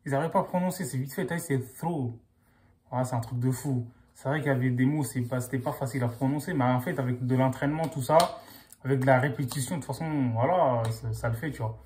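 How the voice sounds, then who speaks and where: Young guy vlogging, mellow, slangy and loose, heavy on fillers. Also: medium pitch, fast. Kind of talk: casual chat to camera.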